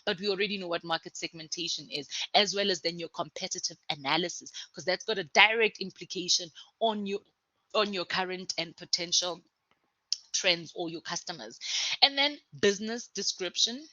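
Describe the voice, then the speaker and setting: A woman lecturer going through course material in a conversational, emphatic way, with lively asides to her students. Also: fairly low pitch, normal speed, dry recording, muffled recording. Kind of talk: recorded university lecture.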